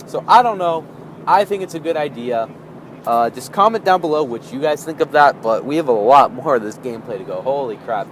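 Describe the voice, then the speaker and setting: A young man with a moderately high-pitched voice talks casually over gameplay. He rambles informally, restating his points as he goes. The recording has clearly audible background noise. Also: animated, fairly quick. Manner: rambling, informal, repeats and rephrases himself. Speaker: gaming video host.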